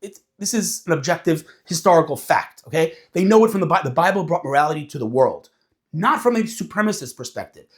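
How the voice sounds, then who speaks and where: A man talking casually to an audience, animated and acting out quoted voices as he explains. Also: on the high side, a little fast. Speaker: speaker.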